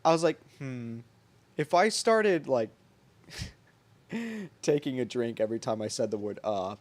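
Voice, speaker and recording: Chatting casually with his livestream viewers, this game streamer rambles in a slangy, informal way while music plays behind him. He has a mid-range, darkish voice, and the recording is dry.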